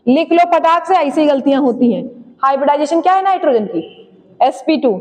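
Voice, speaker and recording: Speaking in an expressive, high-pitched voice, a woman dictates notes during a chemistry lecture, quizzing students and supplying the answers herself. Key terms get spelled out slowly while she hurries everyone to write faster. Her voice echoes with a long hall reverb.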